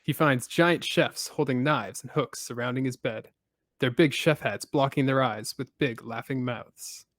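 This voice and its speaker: A man hosting a podcast, recapping a story in a casual way with steady storytelling and dry asides. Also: medium pitch, unhurried, dry recording. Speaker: podcast host.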